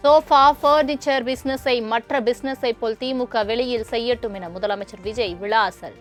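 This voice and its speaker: Woman anchor reading the headlines, bit high pitched, soft music under her. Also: steady tone. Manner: measured, formal delivery. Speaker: news anchor.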